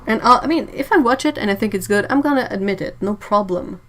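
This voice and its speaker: A woman hosts a relaxed livestream, chatting freely and responding to viewers' messages. Her voice sits at an ordinary middle pitch, and her easy talk is often broken by laughter. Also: fast talker, rough recording. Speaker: livestream host. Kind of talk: casual livestream chat.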